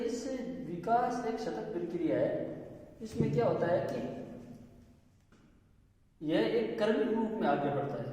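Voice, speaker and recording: A man's voice: sits high, mellow. Man lecturing in an echoey hall. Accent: Rajasthani. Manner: explains slowly, repeating each point. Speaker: teacher. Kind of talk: classroom lecture. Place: college classroom. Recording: echoey hall, distant mic.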